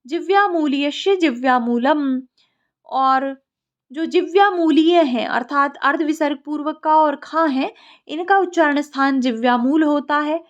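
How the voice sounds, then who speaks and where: A woman leads an exam revision lecture on Sanskrit grammar. She recites each rule slowly and then explains it in plain words. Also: high voice, muffled recording.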